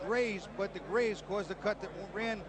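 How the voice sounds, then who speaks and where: High-pitched male boxing analyst, emphatic. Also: normal speed. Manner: emphatic, repeats phrases. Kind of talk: live fight commentary. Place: ringside in a busy arena. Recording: loud arena crowd and noise.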